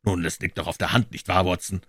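A man voicing a confident, impatient male detective explaining his reasoning briskly. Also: low voice, fairly even intonation, fairly bright tone, slightly rough, dry recording.

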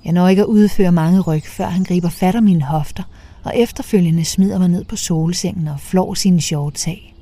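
Low, mellow-voiced woman narrating softly. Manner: soft, half-whispered delivery. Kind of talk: first-person storytelling.

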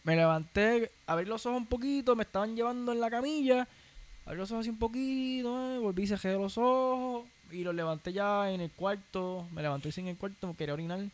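A man's voice: high-pitched, a little fast. A young man with a Puerto Rican accent, telling stories in a casual podcast chat, full of slang and the word "papi". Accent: Puerto Rican Spanish. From Puerto Rico. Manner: animated storytelling, slangy, keeps saying "papi".

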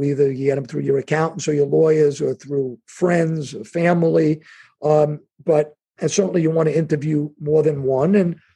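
A middle-aged man with a New York accent, talking as an interview guest. His voice is gravelly and a touch husky, pitched somewhat high, and it keeps stumbling and restarting as he works toward each point. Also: mellow. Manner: halting restarts, conversational, acts out imagined speakers. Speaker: insurance and wealth planning executive, guest. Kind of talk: interview answers.

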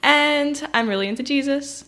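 A woman's voice: sits high, moderate pace, sharp tone. Young woman guest, easygoing chat. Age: young adult. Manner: easygoing, filler-heavy. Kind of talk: casual chat.

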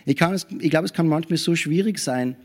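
High-voiced man preaching a sermon. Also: fairly quick. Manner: animated preaching with frequent tag questions; punctuates with hallelujah and amen.

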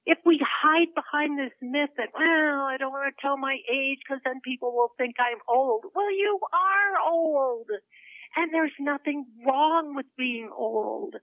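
Over a narrow telephone line, a high-pitched woman in her seventies talks unhurriedly as a radio interview guest, with no room sound. She is earnest, and she gives little laughs between the points she makes.

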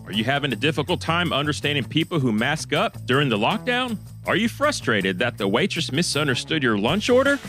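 A man's voice: fairly high pitch, big pitch swings, brisk, hardly any pauses, sharp tone, soft background music, voice pushed up. A man doing a hyped infomercial announcer. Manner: hyped, salesy, punchy. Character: overexcited male infomercial announcer. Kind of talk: mock commercial.

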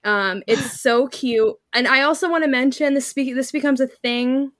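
A woman's voice: high voice, moderate pace, no echo, studio quality. A young woman co-hosting a podcast, recapping a TV episode in casual chat and acting out characters' lines with laughter. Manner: animated storytelling, acting out quotes with laughter. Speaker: podcast co-host.

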